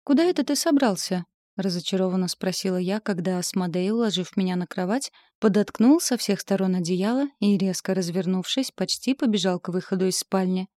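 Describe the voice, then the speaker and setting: A woman narrating a novel in the first person, in a steady storytelling way. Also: mid-range voice, fairly quick, no room sound, clean studio sound. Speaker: audiobook narrator.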